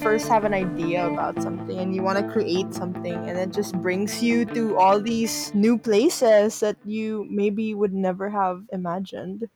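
A woman's voice: medium pitch, steady tone, normal speed, few pauses, over music. A woman in casual conversation, talking in a reflective, chatty way.

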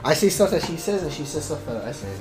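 Woman, low pitch, animated delivery, rambling casual chat, faint music behind. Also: fast. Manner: rambling, heavy use of "like", swearing. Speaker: podcast co-host.

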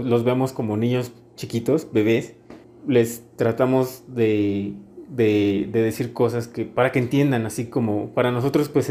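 A man, hosting a podcast about parenting, talking in a calm, reflective way with pauses and restarts. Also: mid-range voice. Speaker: podcast host, father. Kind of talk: casual podcast monologue.

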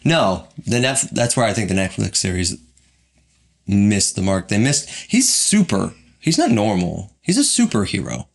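A man in casual podcast chat, ranting with animation, his pitch jumping up when he gets worked up. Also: big pitch swings, moderate pace, creaky. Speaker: podcast co-host.

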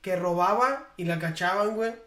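A man with a Mexican accent in casual podcast chat, slangy and quick to laugh. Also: high voice, a bit bright. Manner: slangy, laughing, quotes people in acted voices. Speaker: podcast co-host. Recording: echoey room.

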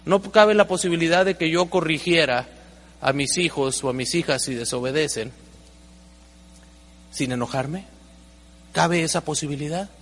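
A man speaks in a high, gravelly voice with a bright, forceful edge. He gives an animated motivational seminar, acting out dialogues with humor. The sound carries a long reverb from a hall. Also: moderate pace, pauses often. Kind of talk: live seminar talk.

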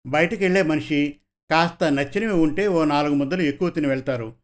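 A man reading as a calm devoted young wife. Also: on the high side, fairly quick, close to an everyday voice.

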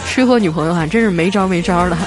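A woman hosting a radio-style show, reading listener jokes aloud with playful storytelling and drawn-out particles. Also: on the low side, music in the background.

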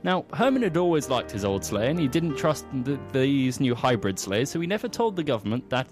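A man's voice: mid-range voice, sing-song, brisk, over music. A man telling a comic story with playful, teasing asides.

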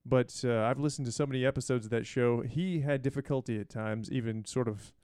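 A man co-hosting a podcast in casual chat, relaxed and rambling with lots of fillers. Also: medium pitch, a little fast, clean tone, no room sound, clean studio sound. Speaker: podcast co-host.

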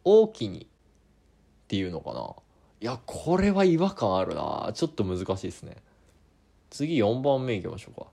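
A man's voice: on the low side, huge pitch swings, moderate pace, gravelly, warm tone. A man hosting a casual solo podcast, musing aloud as he tries out different regional word accents. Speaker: podcast host.

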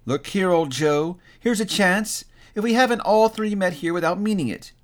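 A man's voice: sits high, moderate pace, pitched above the performer's own voice, close to an everyday voice. A man voicing a brazen, defiant, hard-hearted woman thief in a storybook reading. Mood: gleeful, bold. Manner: loud, challenging, working-class plain speech.

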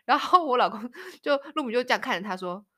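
A woman's voice: on the high side, lively intonation, quick pace, sharp tone. A woman in her thirties from Taiwan with a Taiwanese Mandarin accent, hosting a casual storytelling chat. She laughs often and acts out the voices of people in her stories. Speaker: podcast host.

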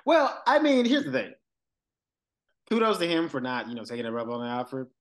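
A man's voice: medium pitch, lively intonation, fairly quick. A man co-hosting a podcast who talks in a laid-back, slangy, joking way. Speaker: podcast co-host. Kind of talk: casual recap chat.

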